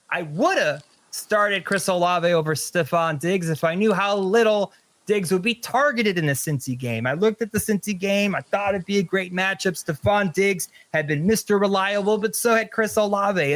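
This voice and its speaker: A man's voice: sits high, fairly bright tone, no echo. A man co-hosting a casual podcast, joking and insisting on his point, often laughing. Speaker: podcast co-host. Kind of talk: casual fantasy sports chat.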